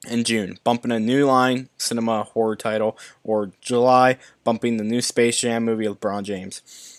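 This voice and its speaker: A young man hosting a YouTube movie news live stream reads articles aloud and comments, speaking at medium pitch. He stumbles and restarts words, and the audio is studio quality with no echo.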